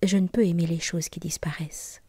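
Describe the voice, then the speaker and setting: A woman's voice: lowish voice, fairly even intonation, a little fast, mellow, husky, no room sound, clean studio sound. Abraham, a woman reading an earnest devout patriarch.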